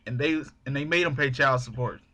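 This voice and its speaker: A young man hosting a casual podcast, telling stories in an animated way and acting out the quotes. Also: mid-range voice, brisk. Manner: storytelling, animated, acts out quotes. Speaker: podcast host.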